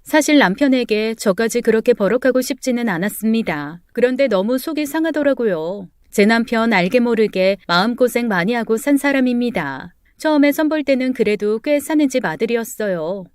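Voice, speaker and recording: A woman's voice: fairly high pitch, expressive, normal speed, hardly any pauses, smooth, no room sound, clean studio sound. A woman narrating a true-life story in a plain, gossipy storytelling way.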